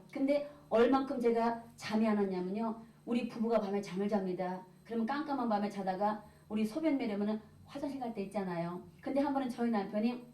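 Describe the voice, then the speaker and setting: A woman evangelist giving a church testimony and telling her story with acted-out dialogue. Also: a little high. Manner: lively storytelling, acting out dialogue. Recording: echoey, from a distance.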